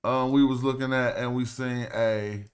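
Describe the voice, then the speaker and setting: A man's voice: medium pitch, steady tone, normal speed, clear, resonant tone. A man hosting a casual livestream, talking loosely and thinking aloud as he walks through ancient Egyptian words. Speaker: host. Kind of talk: casual livestream walkthrough of hieroglyph texts.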